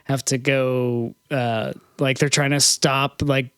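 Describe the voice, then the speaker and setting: A man with a smooth, clear mid-pitched voice chats easily as a podcast co-host. His manner is relaxed and laughing. The sound is dry and close. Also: slow, no room sound. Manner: easygoing, laughs through his talk. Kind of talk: casual chat.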